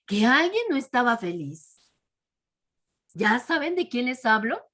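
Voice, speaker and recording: A woman preacher giving an animated storytelling lesson, asking her listeners questions and acting out the crowd's voices. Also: high voice. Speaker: preacher teaching a Bible lesson.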